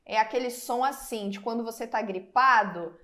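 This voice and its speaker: A woman's voice: a little high, moderate pace, pushed and bright. A woman teacher with a Brazilian accent giving an online exam-prep lesson. She explains step by step, stretches out example words and checks in often with her students. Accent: Brazilian Portuguese. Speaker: Portuguese teacher.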